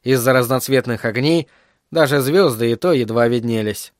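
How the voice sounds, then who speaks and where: Reading an audiobook, a man tells the story in an even, steady way at medium pitch and moderate pace. The scripted narration comes through clean studio sound with no room ambience.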